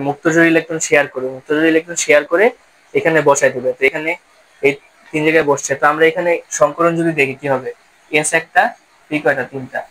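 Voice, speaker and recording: A man with a fairly high, bright voice walks through a chemistry lesson one step at a time, classroom style. He poses questions and then answers them himself. The audio quality is poor.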